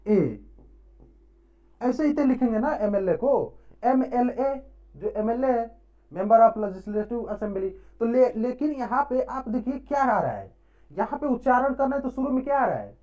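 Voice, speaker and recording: A man teaches a grammar lesson in a mellow, soft-toned voice. His pitch swings widely as he poses questions and answers them himself, checking in often. The recording sounds dull and lo-fi. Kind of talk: classroom-style grammar lesson.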